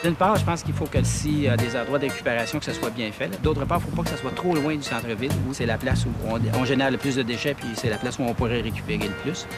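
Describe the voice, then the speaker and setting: A man's voice: mid-range voice, fast, hardly any pauses, loud music behind the voice. A man with a Québécois French accent, explaining his views in an interview.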